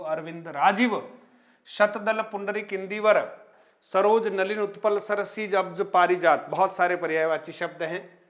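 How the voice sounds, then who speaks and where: A man with a high, slightly bright voice teaches an exam-prep Hindi grammar lesson, rattling off lists of synonyms and pausing to point out new words and how they're spelled. He talks to viewers like friends and often uses tag questions.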